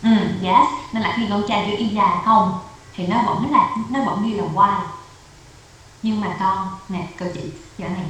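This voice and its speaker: A woman's voice: medium pitch, moderate pace, fairly bright tone. Patient tutor woman, echoey call. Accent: Vietnamese. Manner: patient, repeats and explains step by step, code-switches with English drills. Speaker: English tutor. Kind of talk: online English lesson for a child. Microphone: video call. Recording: echoey room, faint noise.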